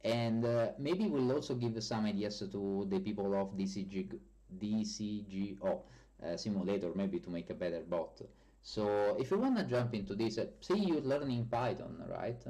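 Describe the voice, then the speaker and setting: A man from Italy with a low, dark voice speaks with a strong Italian accent, Italian being his first language. He's a developer chatting casually on a live stream, answering viewer questions and often correcting himself.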